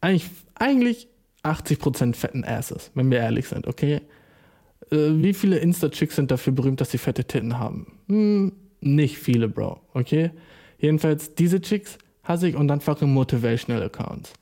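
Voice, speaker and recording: Young guy ranting on his own show, swears nonstop, sarcastic, kinda mellow dark voice. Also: a little high, expressive, normal speed. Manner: profane, sarcastic, slangy. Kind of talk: solo comedic rant.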